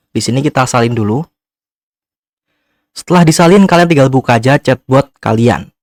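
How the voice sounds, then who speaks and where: A man's voice: medium pitch, no echo, clean studio sound. A man narrating a casual step-by-step screen tutorial, speaking informally and directly to viewers. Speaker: tutorial host.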